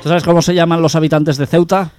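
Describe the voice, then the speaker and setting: A man's voice: fairly high pitch, little pitch movement, quick pace, a little mellow, soft background music. A man co-hosting a radio comedy show, reading odd news items and telling jokes in a plain, dry way.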